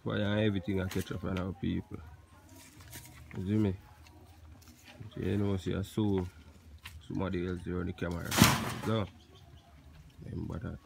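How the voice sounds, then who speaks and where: A young man with a Jamaican accent chatting excitedly to a phone camera in an outdoor yard as he hosts a cooking vlog. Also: low voice, normal speed, vocal fry, pauses often. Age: young adult. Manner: excited, loud patois banter to camera. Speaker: vlogger. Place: outdoor yard among banana trees. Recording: loud outdoor background noise.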